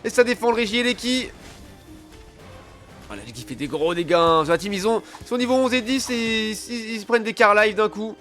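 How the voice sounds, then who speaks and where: A man's voice: sits high, expressive, fairly quick, fairly bright tone, soft background music. A man working as an esports caster, giving live play-by-play commentary in colloquial speech peppered with gamer slang.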